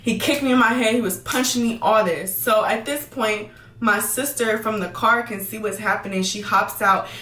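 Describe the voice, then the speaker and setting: A young woman tells her own story to her viewers, quick and emphatic, often repeating words to stress them. Her voice sits back from the mic in a roomy, echoing space, at a middling pitch. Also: sharp tone, distant mic. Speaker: vlogger. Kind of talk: storytime vlog.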